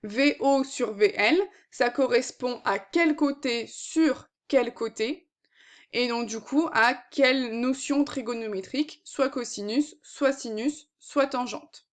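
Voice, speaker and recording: A woman with a high voice teaches a recorded maths lesson. She explains patiently, one step at a time, and fills her sentences with small verbal fillers. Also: takes it slowly.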